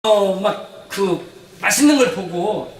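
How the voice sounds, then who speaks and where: A male pastor giving an animated sermon in a church, questioning the congregation as he tells stories. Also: high voice, takes it slowly. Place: church sanctuary. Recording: echoey church hall, mic from a distance.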